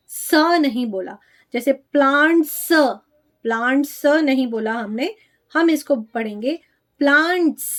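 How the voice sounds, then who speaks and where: A woman gives a phonics lesson for parents of small children. Her voice sits high, and she speaks slowly. She repeats each letter sound with care before she moves on. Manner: slow, drawn-out demonstration of letter sounds. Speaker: pre-primary teacher.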